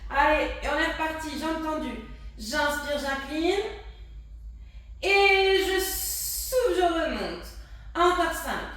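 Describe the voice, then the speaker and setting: High-voiced woman guiding a pilates workout. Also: animated, measured pace, a bit bright. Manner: cues breathing and counts reps while exercising along. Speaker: pilates instructor. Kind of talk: guided workout instruction. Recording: echoey room, distant mic.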